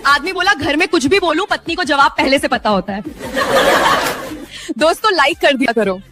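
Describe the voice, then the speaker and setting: A woman telling a string of short jokes in a brisk storytelling manner, laughing along. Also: high voice, animated, noisy background. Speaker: comedy joke teller. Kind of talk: scripted joke narration.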